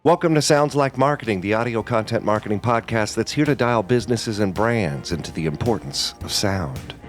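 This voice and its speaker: Low-voiced male podcast host over music. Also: animated, a little fast. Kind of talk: scripted podcast intro.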